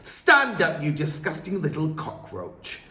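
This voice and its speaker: A man voicing a huge, cruel, furious headmistress, with booming, scornful ranting. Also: very animated, measured pace, fairly bright tone. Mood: raging. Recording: roomy, faint ambience.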